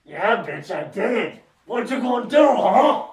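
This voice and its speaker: A man playing a boastful, petty villain overlord who shouts taunts and insults in a comedy sketch. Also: very high voice, sing-song, unhurried, crowd noise, heavily acted. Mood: furious. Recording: echoey room from a distance over music.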